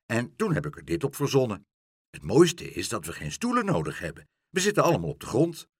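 A man voicing a boisterous, hospitable father in a children's story, talking loudly and heartily. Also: mid-range voice, huge pitch swings, slightly rough, no echo, studio quality, full character voice. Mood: chatty. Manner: loud, hearty and hurried.

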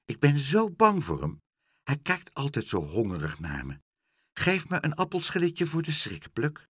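A man's voice: a little high, huge pitch swings, moderate pace, a bit bright, husky, no room sound, voice pushed up, heavily acted. A man voicing a small, timid, fearful creature in a storybook, anxious and pleading.

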